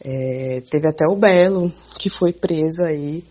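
Husky, mellow woman hosting a podcast. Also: sits low, takes it slowly. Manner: conversational, trailing tag questions. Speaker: podcast host. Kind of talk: casual interview talk.

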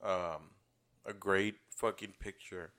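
A man's voice: deep voice, fairly even intonation, takes it slowly, fairly bright tone. A man co-hosting a podcast, telling a story in casual, profane chat and laughing often. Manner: laid-back storytelling, swears a lot, laughs often. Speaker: podcast co-host.

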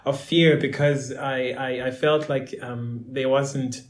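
Slow, hesitant man in his thirties. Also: mid-range voice, fairly even intonation, reverberant. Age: 30s. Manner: hesitant, thoughtful. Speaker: guest. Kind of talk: podcast conversation.

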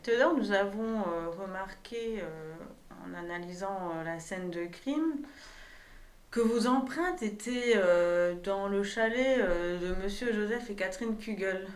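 A woman's voice: mid-range voice, unhurried. A woman playing a tabletop game, asking questions hesitantly with many fillers. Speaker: player. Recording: echoey room with faint background noise.

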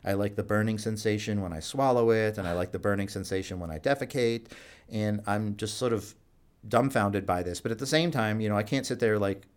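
A fairly low-pitched man tells stories from his work as a doctor at a jail clinic in a relaxed interview. He delivers the anecdotes with animation and slips into the voices of the people he quotes. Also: brisk, clean tone. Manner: animated anecdote-telling, acts out quoted dialogue. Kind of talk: storytelling in a conversational interview.

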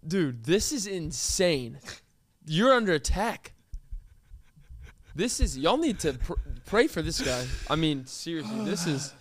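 A man hosting a podcast, exasperated and teasing, calling his co-host bro as he tries to get him to calm down. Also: on the high side, unhurried. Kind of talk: casual chat. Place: indoor studio. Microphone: close mic.

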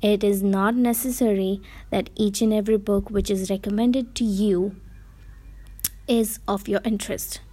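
A warm, mid-pitched woman's voice, even in intonation and moderate in pace, addresses the camera casually. She's from India, speaks Indian English with Gujarati as her first language, and gives heartfelt reading advice, explaining carefully and revising her phrasing mid-thought.

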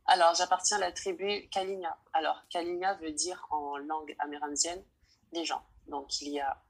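A nineteen-year-old woman from French Guiana, answering interview questions in a hesitant way, often pausing to search for words. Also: deep voice, little pitch movement, gravelly, slightly rough, rough recording.

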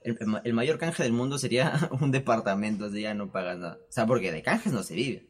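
A young man with a Peruvian Spanish accent tells stories to camera in a casual, animated way. He laughs often and swears freely. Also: mid-range voice, fairly quick, slightly rough. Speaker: vlogger. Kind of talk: casual storytelling monologue. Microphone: camera setup with microphone.

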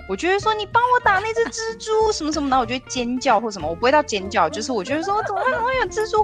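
A woman hosting a podcast in casual chat, animated and acting out the voices she quotes. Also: medium pitch. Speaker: podcast host.

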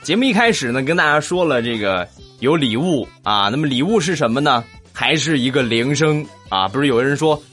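A man's voice: medium pitch, animated, fairly quick, fairly bright tone, slightly rough, soft background music. Playful man hosting a comedy podcast. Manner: jokey, laughs often, teasing asides. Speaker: podcast host. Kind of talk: playful comedic chat reading listener comments.

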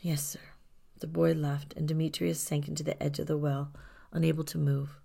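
A woman narrating a somber story in a soft delivery that often drops near a whisper. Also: low-pitched, flat delivery, a little fast, creaky, slightly rough.

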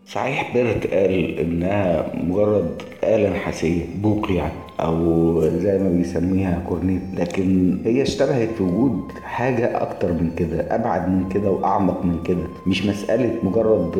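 A man's voice: sits low, a little fast. Egyptian man telling a story in an echoey hall. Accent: Egyptian Arabic. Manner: relaxed, explanatory asides. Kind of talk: casual story narration. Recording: echoey hall with faint music.

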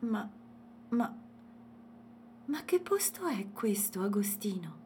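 A woman's voice: a little high, very animated, normal speed, warm tone, a little hiss or hum, pitched above the performer's own voice. A woman voicing a curious, wide-eyed little girl in a children's storybook, amazed and full of questions.

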